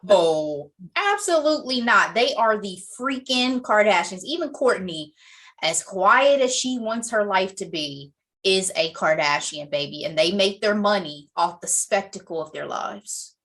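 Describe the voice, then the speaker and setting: A woman's voice: mid-range voice, expressive, a little slow, fairly bright tone. A woman co-hosting a podcast in casual chat, emphatic and sassy in her remarks. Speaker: podcast co-host.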